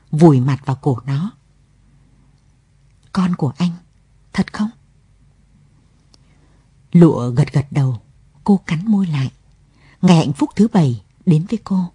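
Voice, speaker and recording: A woman narrating a story in a calm, measured way. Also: low-pitched, slightly rough, dry recording. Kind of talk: scripted narration. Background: faint music.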